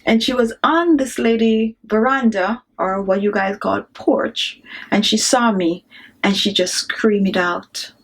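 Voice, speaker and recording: A Jamaican beauty vlogger in her thirties chats casually to camera in a strong Jamaican accent, laughing often. Her mid-range voice moves at a slow pace.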